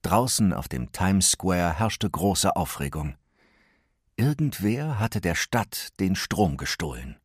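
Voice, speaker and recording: Male storybook narrator, steady delivery, low-pitched and a touch husky. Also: slow pace, no room sound, clean studio sound.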